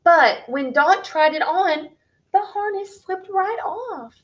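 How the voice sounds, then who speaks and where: A woman reading a picture book aloud for young children in an expressive, deliberate way, as a storyteller. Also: extremely high pitch, muffled recording.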